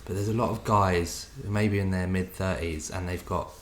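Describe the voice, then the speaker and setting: A man's voice: deep voice, fairly even intonation, moderate pace, slight background noise. A man, talking casually as a guest in an interview. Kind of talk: casual chat.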